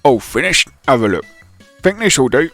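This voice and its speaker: Man plays a blunt, chummy London-ish bloke with clipped endings and a lively, swinging delivery. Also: medium pitch, normal speed. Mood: jaunty. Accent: put-on London-ish clipped accent. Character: cheerful rough-spoken older man, brash and jokey. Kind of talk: reading game dialogue aloud. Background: faint game music.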